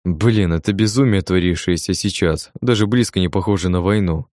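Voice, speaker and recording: Low-voiced guy calmly reading an audiobook, dead dry mic. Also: moderate pace, no echo. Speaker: audiobook narrator. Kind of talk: first-person audiobook narration.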